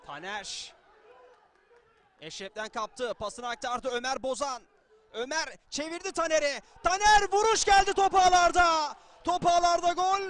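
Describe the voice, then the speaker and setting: A man giving live football match commentary as a screaming, excited commentator. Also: very high voice. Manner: excited, screaming goal calls. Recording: noisy outdoor stadium with crowd. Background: stadium crowd noise.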